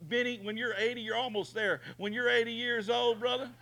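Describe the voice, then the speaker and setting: A man preaching a booming motivational sermon as a pastor, emphatic, folksy and repetitive in his exhortation. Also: steady tone, a little fast, creaky, poor audio. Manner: emphatic, repetitive exhortation, swinging from hushed to shouted.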